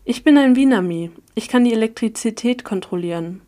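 A woman reading the lines of a brooding young man who can control electricity, speaking quietly and hesitantly. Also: fairly high pitch, lively intonation, brisk, close to an everyday voice. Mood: earnest.

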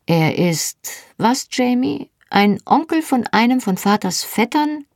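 A narrator voicing a brisk Scottish sister. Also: mid-range voice, expressive, dry recording, clean studio sound, pitched above the performer's own voice. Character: young Scottish woman, brisk and practical.

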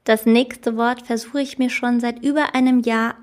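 Earnest higher-voiced woman coach. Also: fairly even intonation, normal speed, a little mellow. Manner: earnest, emphatic, laughs at own slips. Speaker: life coach. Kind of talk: motivational self-help monologue.

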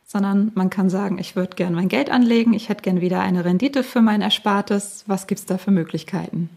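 A woman's voice: medium pitch, normal speed, gravelly, dark tone, breathy edge. A woman explaining things conversationally as an expert guest and financial adviser.

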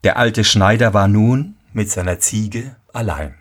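Slow husky fairy-tale narrator. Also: medium pitch. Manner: calm, lively intonation.

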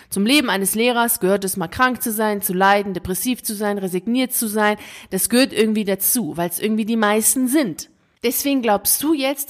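Earnest German-speaking coach woman. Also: medium pitch. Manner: earnest, addresses the listener directly with repeated phrases. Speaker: career coach for teachers. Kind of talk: motivational monologue to camera.

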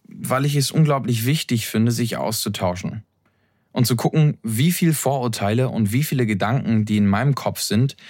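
An earnest young man speaks as a podcast host at a middle pitch, reflective and measured. The sound is close and dry. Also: darkish tone, dry recording. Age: young adult. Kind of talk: reflective scripted intro monologue. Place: his room, seated in an armchair.

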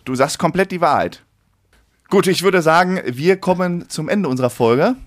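This thirty-something podcast co-host has a slightly high, expressive voice and a moderate pace. The chat is casual, and he laughs readily while explaining things.

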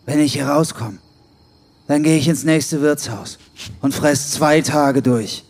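A man's voice: on the high side, slow pace, a little mellow. An actor playing a hungry, blunt male cellmate, coarse and matter-of-fact. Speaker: prisoner.

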